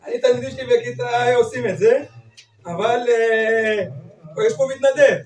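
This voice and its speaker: A man leading an interactive lesson on Torah cantillation, briskly urging participants to read on. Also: extremely high pitch. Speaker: teacher of Torah reading to teachers. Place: classroom or hall with group. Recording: echoey room, far from mic.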